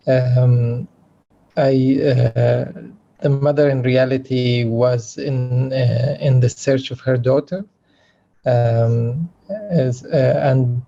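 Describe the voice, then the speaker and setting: A man with a mellow, even voice, speaking very slowly and hesitantly about his film. The sound is dull and lo-fi, like remote call audio. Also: medium pitch. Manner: slow and hesitant, many fillers. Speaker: writer and director. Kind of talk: festival Q&A.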